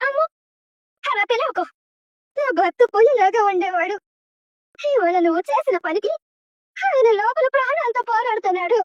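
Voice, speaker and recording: A woman's voice: extremely high pitch, dry recording, muffled recording. An actress playing a furious middle-aged mother who scolds and disowns her daughter in a TV serial drama. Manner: scolding, bitter, loud. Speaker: mother of the bride.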